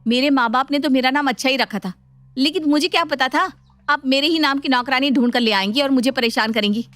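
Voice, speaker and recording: A woman's voice: high-pitched, fairly quick, a bit bright, no echo, pitched above the performer's own voice. A woman voicing a young daughter-in-law who answers back firmly and argues, in a cartoon story. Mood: argumentative. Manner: firm, argumentative.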